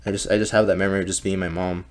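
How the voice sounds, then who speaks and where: A man's voice: sits low, flat delivery, rapid-fire. A young man from Mexico, a podcast guest talking casually, swearing often and filling with "like". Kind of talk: casual conversation.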